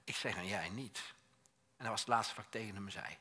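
A man's voice: on the low side, a little fast, slightly rough. An older man preaching a sermon in a joking, storytelling way, acting out quotes in plain everyday speech. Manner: animated, plain-spoken.

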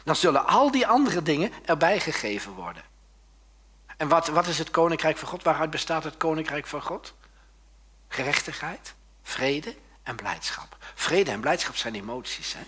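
A male pastor giving a sermon, lively and joking, often turning to the congregation with quick questions. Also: a little high, a little hiss or hum.

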